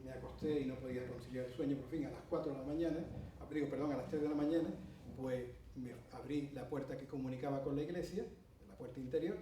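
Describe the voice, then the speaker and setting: With a mid-range voice, steady tone and quick pace, a middle-aged man from Andalusia, Spain, speaks with an Andalusian Spanish accent at a conference. He tells his audience a long story with many asides and fillers, recorded distantly in a roomy hall over a noisy background.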